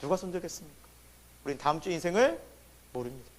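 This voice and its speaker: A man preaching a sermon as pastor. He asks the congregation questions and answers them himself, and his voice swings between loud emphasis and sudden hushed drops. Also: a little high, sing-song, quick pace. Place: church sanctuary.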